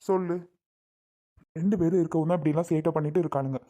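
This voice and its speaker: An earnest young husband lecturing his wife and talking her round, as voiced by a woman. The voice sits low and mellow, and he keeps repeating her name as he reasons with her. It is a homemade family comedy skit. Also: steady tone, fast talker. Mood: persuading.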